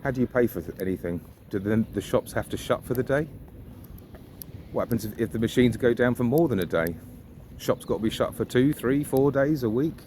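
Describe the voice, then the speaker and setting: With a slightly mellow, medium-pitched voice and lively intonation, a man walks along a river talking a little fast, musing and raising rhetorical questions for his vlog. Birds and traffic can be heard outdoors.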